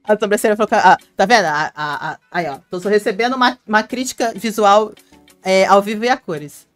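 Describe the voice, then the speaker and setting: A woman's voice: medium pitch, a little fast, faint music behind. A Brazilian woman hosting a casual live stream, reading viewer comments aloud and chatting to fans by name, laughing often. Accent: Brazilian Portuguese. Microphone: headphone mic.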